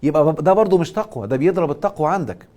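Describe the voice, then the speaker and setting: A man with an Egyptian accent hosting a live stream, giving a motivational and religious talk and answering viewers' questions. He stresses points loudly, then drops to soft asides. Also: fairly high pitch, expressive, very fast. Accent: Egyptian Arabic. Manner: emphatic, swings between loud stress and soft asides. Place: live social media stream.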